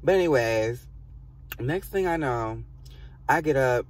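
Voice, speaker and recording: A man's voice: mid-range voice, expressive, takes it slowly, distant mic. A man telling a storytime to his viewers in a casual, rambling and profane way, full of fillers and asides. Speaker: vlogger.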